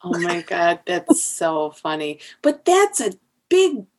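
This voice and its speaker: A woman's voice: fairly low pitch, very animated, a little mellow. A woman in casual chat, joking and commiserating with her co-host. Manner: chatty, quick to joke and commiserate.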